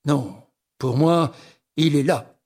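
A man voicing an eager young male amateur detective in an audiobook reading, with a husky voice. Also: on the high side, slow pace, a little mellow. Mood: intent.

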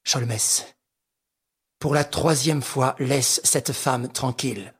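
A man voicing a daring gentleman thief who gives cold, clipped commands with terrifying calm. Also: medium pitch, a little slow, husky. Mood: icy calm.

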